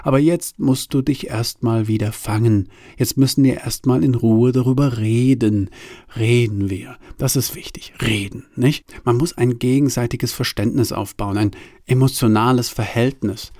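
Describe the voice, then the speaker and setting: A man's voice: mid-range voice, steady tone, moderate pace, mellow, no echo, studio quality, natural voice. A man reading aloud, voicing an awkward young man who rambles and stammers. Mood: earnest. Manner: rambling, stammering, over-earnest.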